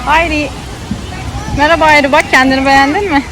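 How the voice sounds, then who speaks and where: Brisk and steady in a high voice, a family vlogger films her child at a busy outdoor children's theme park and narrates casually for kids. She frequently greets and prompts the audience directly, and loud crowd noise and outdoor ambience dominate the recording.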